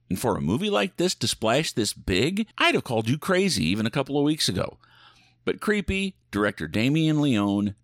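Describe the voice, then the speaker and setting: Theatrical man as a spooky ride narrator, swooping pitch. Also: a bit bright, dry recording, clean studio sound. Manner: theatrical, drawn-out emphasis, tongue-in-cheek showmanship. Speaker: host of a spooky show styled as a dark ride.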